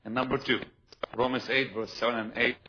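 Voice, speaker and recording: A man's voice: medium pitch, little pitch movement, brisk. A man preaching a sermon, driving his points home by repeating them and calling out to the congregation. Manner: emphatic, repeats key points, asks the congregation to respond. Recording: dull, noisy live sermon recording.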